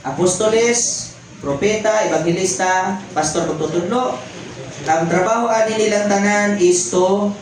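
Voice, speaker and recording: A man preaching a conversational sermon, mixing in English and calling out to the congregation. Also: high voice. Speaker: pastor. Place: church hall. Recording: very echoey church hall, faint background noise.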